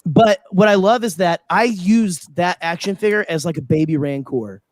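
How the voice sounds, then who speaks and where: Excitable, rambling man on a podcast. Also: sits high, normal speed, dry recording. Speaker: podcast co-host. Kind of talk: casual chat.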